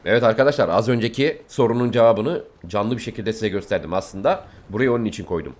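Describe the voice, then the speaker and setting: A man's voice: fairly low pitch, fast talker. A young man hosting a gaming video, bantering with a friend and talking to his viewers as they play. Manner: joking banter, addressing viewers. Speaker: gaming channel host. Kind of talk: casual gameplay chat with a friend.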